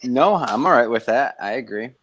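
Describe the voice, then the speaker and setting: Male co-host, live video chat, playful and quick to laugh, mid-range voice. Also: medium pitch, animated, a bit bright, highs cut off. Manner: joking, laughs easily. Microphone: video call.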